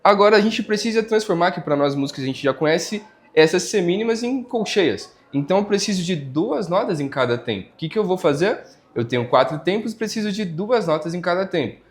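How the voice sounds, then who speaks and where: A man's voice: sits high, lively intonation, a little fast, hardly any pauses. A Brazilian male music teacher explaining his lessons in a casual school podcast interview, counting out examples as he goes.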